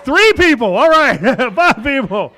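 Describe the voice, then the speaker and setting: A man's voice: very high-pitched, big pitch swings, a little slow, bright, forceful tone, slight background noise. A man hosting a stand-up comedy show on a club stage, bantering loosely with the crowd and rambling between jokes. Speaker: host comedian.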